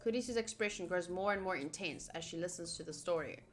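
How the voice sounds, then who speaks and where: Her voice sits lowish and moves fast as this streamer plays through a visual novel. She chats casually with viewers, reads the on-screen text aloud, and reacts to both, with game music behind her.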